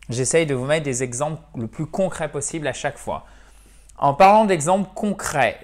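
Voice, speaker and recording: Man teaching English, chatty. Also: fairly high pitch. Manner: lively, repeats words slowly, asks ok?. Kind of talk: casual video lesson.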